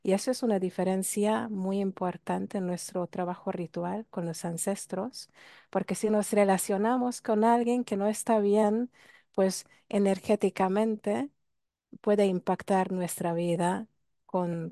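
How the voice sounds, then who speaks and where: In a clean, dry studio recording, a Hungarian-accented woman leads a workshop talk about ancestral healing. Her voice sits at a medium pitch with a warm tone, and she reflects on ideas while asking the audience rhetorical questions.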